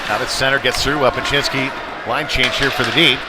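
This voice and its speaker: This is live hockey play-by-play from a man with a medium-pitched, steady voice that runs a little fast. His clipped present-tense phrases build with the action, and heavy background noise surrounds him.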